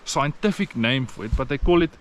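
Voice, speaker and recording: Brisk and lively in intonation, this South African vlogger's mid-range voice carries an Afrikaans accent. He narrates a casual hike outdoors on a rainforest trail, using frequent fillers while keeping his tone plain and encouraging.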